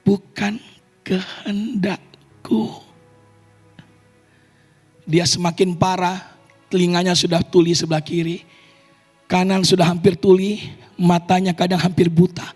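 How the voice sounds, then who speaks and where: High-voiced pastor preaching in a hall. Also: male voice, little pitch movement, normal speed, darkish tone. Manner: emphatic, calls out to the congregation. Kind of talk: sermon. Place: church service hall. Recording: echoey church hall with faint music.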